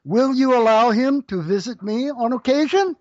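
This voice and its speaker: A storyteller voicing a gentle great yogi who speaks calmly and kindly. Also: male voice, very high-pitched, moderate pace, no room sound, pitched above the performer's own voice. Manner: calm, kindly. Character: gentle, sweet-voiced great male yogi. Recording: dull lo-fi dry recording.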